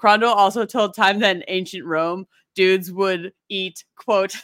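A woman's voice: mid-range voice, fairly even intonation, measured pace, a bit bright, no room sound, clean studio sound. A woman co-hosting a podcast, rambling and giggly as she presents her research in casual chat. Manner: giggly, rambling, self-deprecating.

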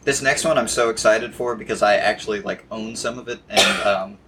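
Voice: medium pitch, fairly quick, very noisy. A speaker in a casual podcast chat who rambles with many "like"s and restarts.

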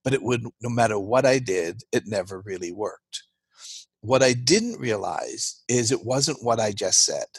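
Male guest expert, husky, earnest explainer, dry close sound. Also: medium pitch, lively intonation, unhurried, dry recording. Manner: earnest, explains with rhetorical "right?" checks. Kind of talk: explanatory interview talk.

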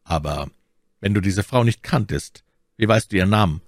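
A man's voice: on the low side, moderate pace, no room sound, studio quality, lightly acted. A man reading an audiobook, voicing a bold young male swordsman who speaks sternly and commandingly.

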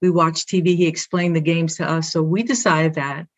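A woman's voice: deep voice, steady tone, moderate pace. A middle-aged woman with a Brooklyn accent, a guest talking proudly and upbeat in short phrases about her work as an athletic director. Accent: Brooklyn New York. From Brooklyn, New York. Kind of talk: conversational interview.

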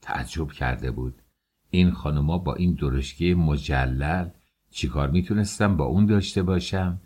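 A man narrating an audiobook in an expressive storytelling manner. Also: rumbling low, husky.

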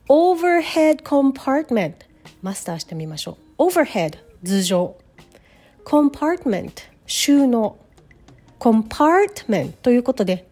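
Lively upbeat woman teaching English phrases. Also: sits high. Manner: upbeat, encouraging, models English phrases slowly. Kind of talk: bilingual language lesson.

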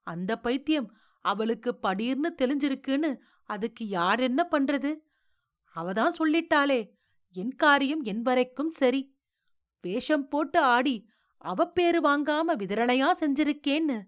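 A woman voicing a stern, orthodox middle-aged son who rebukes his mother curtly and shouts, in a read-aloud story. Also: high voice.

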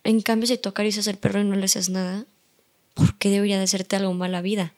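A woman's voice: mid-range voice, flat delivery, quick pace, a little mellow. A woman with a Mexican accent, chatting as a guest on a podcast and acting out the people she quotes. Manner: chatty, acts out quoted voices. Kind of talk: casual podcast chat.

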